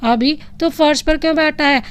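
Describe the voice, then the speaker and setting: A woman's voice: sits high, moderate pace, close to an everyday voice. A woman voicing a middle-aged mother who fusses with concern over her son. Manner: fussing, concerned.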